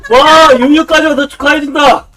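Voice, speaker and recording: A woman with a very high, piercing, sharp voice shouts over and over during a gameplay stream. Her cries overload a clipping, distorted mic, with faint music underneath. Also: moderate pace. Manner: shouts and repeats exclamations in excitement. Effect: clipping distorted mic on loud shouts. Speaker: game streamer. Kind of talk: excited gameplay commentary.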